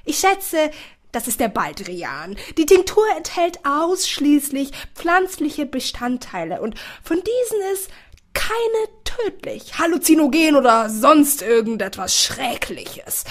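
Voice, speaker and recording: A woman voicing a calm, gently firm grandfather in an audiobook, speaking slowly and deliberately. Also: high-pitched, exaggerated voice. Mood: calm, explaining. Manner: slow and deliberate, measured. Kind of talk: audiobook character voice.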